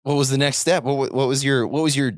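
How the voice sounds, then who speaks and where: A laid-back man from Wyoming hosts a casual podcast, filling his phrases with ums and easy laughter. His pitch sits in a middling range. The room sound is dry. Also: fairly even intonation, fast, no room sound. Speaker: podcast host. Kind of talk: casual chat.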